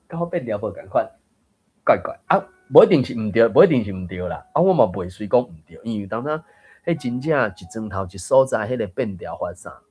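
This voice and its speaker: A man's voice: medium pitch, breathy edge. A man giving a casual lesson on reading aloud, thinking aloud with many fillers and restarts. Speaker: Taiwanese reading coach.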